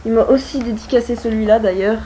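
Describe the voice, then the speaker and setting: Chatty young woman, fairly high voice. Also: quick pace, dark tone, slight background noise, low-quality recording. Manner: chatty, full of hesitations and fillers. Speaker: book vlogger. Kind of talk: casual chat.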